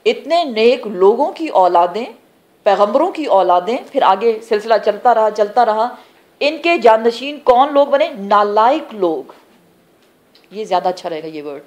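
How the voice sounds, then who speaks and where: A woman's voice: on the high side, animated, a little mellow. Woman teaching a Quran class. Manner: asks the class questions and answers them herself; explains terms word by word, pausing between phrases. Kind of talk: religious class lecture.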